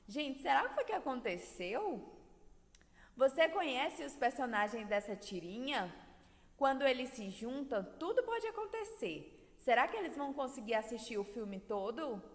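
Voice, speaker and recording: Lively Brazilian teacher in an echoey room. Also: female voice, on the high side. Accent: Brazilian Portuguese. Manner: drawn-out syllables, sing-song stress on words. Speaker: primary school teacher. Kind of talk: recorded video lesson for children.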